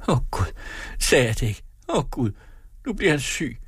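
A man reading the part of a desperate mother, speaking in a shrill, pleading and scolding way. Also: dry recording, studio quality, lightly acted. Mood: frantic. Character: desperate frantic mother, middle-aged woman.

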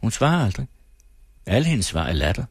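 A man's voice: fairly low pitch, sing-song, breathy edge, no echo, clean studio sound, exaggerated voice. A man reading aloud, voicing a brooding young man who speaks earnestly and hesitantly.

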